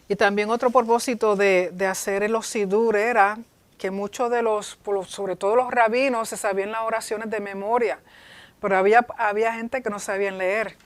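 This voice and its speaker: A woman's voice: mid-range voice, no echo. A woman pastor teaching a class in an earnest way, often repeating herself and restarting her phrases.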